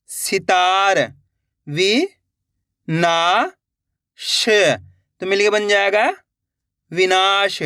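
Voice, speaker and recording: Slow, syllable-by-syllable male teacher. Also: high voice, a bit bright, clean tone, no room sound, clean studio sound. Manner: sounds out each syllable, then blends the word; encouraging, addresses viewers as friends. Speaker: Hindi reading teacher. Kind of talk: slow syllable-by-syllable reading lesson.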